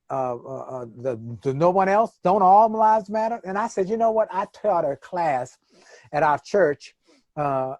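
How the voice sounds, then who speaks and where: A man's voice: a little high, darkish tone, dry recording. A middle-aged man from Washington, D.C., telling stories in an interview with an emphatic, preacher-like cadence and heavy stresses. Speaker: motivational speaker, interview guest. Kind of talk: conversational interview storytelling.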